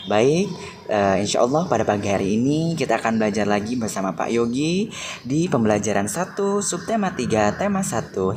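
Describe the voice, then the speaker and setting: A young man teaches a class of small children. His pitch sits in the middle, and he stretches his words in a cheerful, drawn-out way. Steady background noise runs under his voice. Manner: slow, drawn-out and cheerful, acts out example sentences. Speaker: primary school teacher. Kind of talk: recorded online lesson for young children. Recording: noisy home recording.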